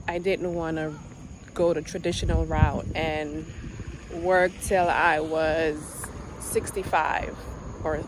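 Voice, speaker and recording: On a quiet outdoor street, a Jamaican-born woman in her forties speaks casually into a handheld camera for her vlog. Her fairly low voice carries an earnest, reflective tone, and she pauses and restarts often. Insects and traffic sound in the background.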